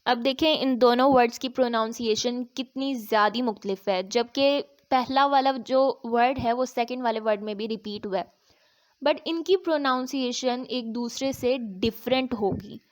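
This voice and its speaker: A woman's voice: a little high, normal speed. A woman teacher explaining an exercise, spelling words out letter by letter and reading answers aloud.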